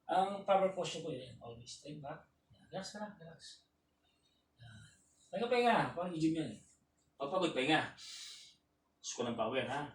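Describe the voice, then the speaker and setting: A Filipino man coaching a patient through exercises, counting reps aloud and shouting cheers. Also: fairly high pitch, sing-song, moderate pace, long pauses. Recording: roomy, distant, faint room noise.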